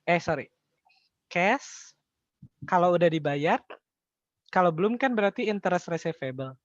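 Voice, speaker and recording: This accounting tutor has an Indonesian accent and a medium-pitched, animated voice, moving at a measured pace. He explains the material step by step in a casual, colloquial way, dropping in rhetorical questions along the way. The audio is dry and a bit dull, with almost no room presence or echo.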